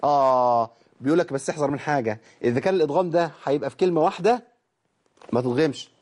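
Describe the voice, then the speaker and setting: An Egyptian man with a slightly high voice gives a religious lesson on recitation rules. He chants verse lines slowly, then breaks them down in relaxed colloquial talk, often asking his students questions. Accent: Egyptian Arabic. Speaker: Quran recitation teacher.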